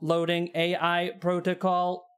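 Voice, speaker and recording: Man doing a robot booting up, higher voice. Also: completely flat delivery, a little slow, smooth. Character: drink-serving robot booting up, monotone male machine.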